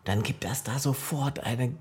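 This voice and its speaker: A man's voice: medium pitch, unhurried. A man co-hosting a podcast, chatting casually and rambling through ideas with many restarts. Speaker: podcast co-host. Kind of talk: casual chat.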